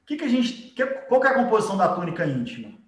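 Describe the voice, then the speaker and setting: Man, Brazilian accent, high-pitched, informal lecturer, conversational explaining, tag questions, roomy echo. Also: very animated, fast, recorded from a distance. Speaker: biology teacher. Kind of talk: informal live lecture with drawing. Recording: echoey room.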